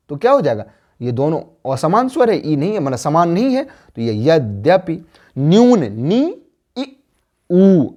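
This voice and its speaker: A man with a fairly high, slightly mellow voice teaches a Hindi grammar lesson. He spells out word parts slowly and drawn-out, asks the class rising questions, then answers them himself.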